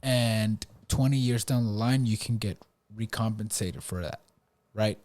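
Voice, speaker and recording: A man's voice: fairly low pitch, measured pace, darkish tone. A man hosting a podcast in a casual chat, laid-back and tagging his points with "bro" and "right?". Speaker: podcast host.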